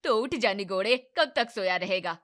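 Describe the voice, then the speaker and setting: A loud, commanding older mother-in-law played by a woman in a cartoon family drama. She scolds and orders the household in a firm, middle-pitched voice. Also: unhurried, close to an everyday voice. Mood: scolding. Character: bossy but caring older mother-in-law. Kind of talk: animated Hindi family drama voicing.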